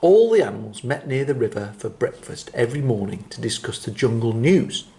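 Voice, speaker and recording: A man reads a children's story in a gentle, expressive voice of medium pitch. He slows his phrasing to build drama.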